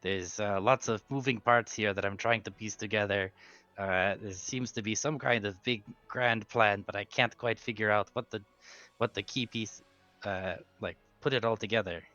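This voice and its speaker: A man voicing a wary, brooding schemer with a gravelly voice and curt, hesitant speech in a tabletop game. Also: lowish voice, steady tone, normal speed, sharp tone, dry recording, muffled recording, soft background music. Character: gravelly, wary male schemer on a magic speaking stone. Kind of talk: tabletop role-play.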